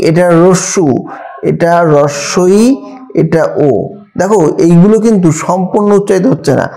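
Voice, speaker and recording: Mellow-voiced grammar teacher. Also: medium pitch. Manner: explains step by step, asks questions then answers them. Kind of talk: exam-prep grammar lesson.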